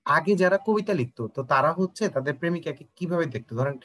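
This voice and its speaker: A man's voice: a little high, animated, quick pace, fairly bright tone. A Bangladeshi man teaching an online exam-prep lesson, explaining step by step and often checking that students understand. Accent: Bangladeshi Bengali.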